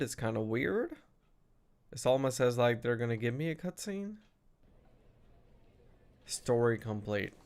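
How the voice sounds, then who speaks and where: A male gaming streamer, stuffy from allergies, chatting casually and reacting loudly to the game. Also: mid-range voice, creaky, smooth. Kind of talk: casual gameplay commentary.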